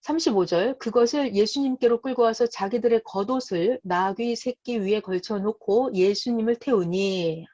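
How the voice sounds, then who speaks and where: A woman with a fairly high, breathy voice teaches the Bible with a lot of rise and fall in her pitch. She keeps turning to her listeners with questions. The recording sounds dull and lo-fi. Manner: animated, asks listeners rhetorical questions.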